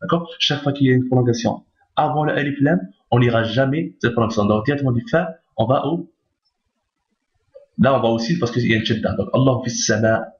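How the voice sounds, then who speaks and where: A man's voice: medium pitch, fairly quick. A man teaching a recorded Arabic reading lesson, patiently repeating each point and checking understanding. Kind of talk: recorded lesson explaining on screen. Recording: roomy, dull lo-fi recording.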